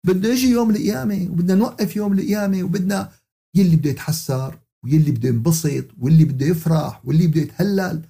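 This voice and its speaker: Levantine guy preaching on the quran, kinda high but dark mellow voice, fervent, keeps repeating lines. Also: fast, vocal fry, breathy edge. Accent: Levantine Arabic. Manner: fervent, repeats phrases, addresses listeners as beloved. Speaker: Quran interpreter. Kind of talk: colloquial sermon.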